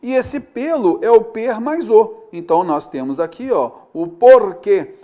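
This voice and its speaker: Lively-voiced man teaching grammar. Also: high-pitched, unhurried. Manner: chatty teacher with frequent checks like "tá ok?" and "beleza?". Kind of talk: recorded grammar lesson.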